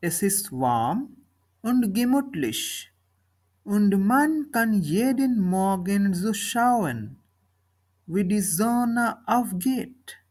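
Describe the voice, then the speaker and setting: A woman reading a children's story slowly, speaking each line and then its translation. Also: medium pitch, big pitch swings, darkish tone. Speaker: narrator of a bilingual story. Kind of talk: slow storybook reading in German and English.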